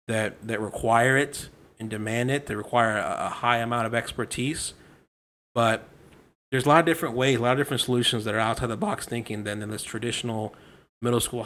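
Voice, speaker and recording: A man's voice: mid-range voice, a bit bright. A man in a panel debate who speaks earnestly and sets out his opinions. His voice sits in the middle range. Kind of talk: debate discussion.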